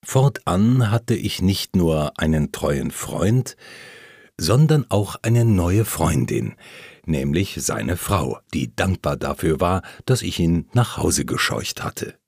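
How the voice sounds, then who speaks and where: A man reading a first-person memoir aloud, telling the story calmly and plainly while voicing the quoted lines. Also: deep voice, slow, gravelly, husky, dry recording, clean studio sound. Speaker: audiobook narrator.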